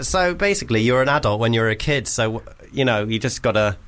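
A man's voice: a little fast, clean tone. A man, hosting a comedy call-in show in playful, teasing banter. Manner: playful, teasing, jumps to a high squeal when excited. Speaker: radio show host.

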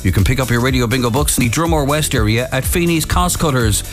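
An Irish man working as a radio bingo caller, deliberately announcing digits and then full numbers. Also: mid-range voice. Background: music bed.

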